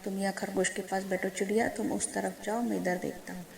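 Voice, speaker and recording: A woman voicing a brisk, commanding male monkey in a children's storybook. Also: mid-range voice, fairly even intonation, creaky, a crowd in the background, lightly acted. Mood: bossy. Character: bossy helpful male monkey uncle.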